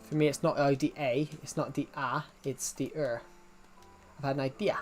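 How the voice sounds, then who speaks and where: Chatting casually during a game stream, this young man from the UK speaks with a thick regional British accent in a mid-range, darkish voice. His delivery is flat and his speed normal, with soft music in the background, and he rambles, restarts often, and reads out the chat.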